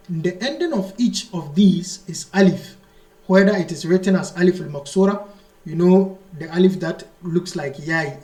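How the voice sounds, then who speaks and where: In a strongly echoing room, a man with a high, darkish voice teaches Arabic grammar, explaining slowly and repeating key terms. He mixes English with Arabic, reading the Arabic text out fast before translating it into English at an unhurried pace.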